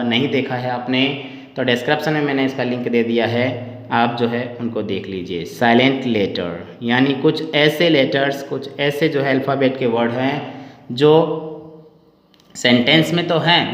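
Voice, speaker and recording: A man's voice: medium pitch, fairly bright tone. A man teaching English pronunciation in a lesson, often repeating questions back to his students. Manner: repeats questions back to the class, addresses viewers as friends. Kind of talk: classroom lesson explaining pronunciation. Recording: echoey hall, dull lo-fi sound.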